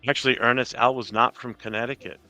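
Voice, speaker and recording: A man's voice: mid-range voice, fairly even intonation, fast, bright, forceful tone. A man from Rhode Island hosting a sports podcast, chatting casually and profanely, with a lot of fillers, over faint music. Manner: profane, joking, rambling with fillers. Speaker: podcast host.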